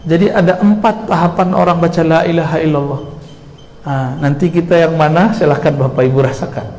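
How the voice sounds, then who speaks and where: A man delivers a lively sermon and keeps putting rhetorical questions to the congregation. His voice sits a little high and rings through a long hall reverb, with a faint hiss underneath. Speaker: preacher.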